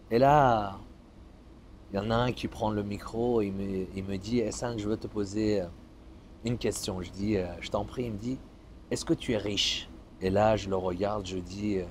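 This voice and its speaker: A man in his forties from Iran, a fitness coach, talking in a calm, measured, motivational way. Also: lowish voice, a little hiss or hum. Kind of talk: vlog monologue answering viewer questions. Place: seated on an outdoor terrace, then driving a car.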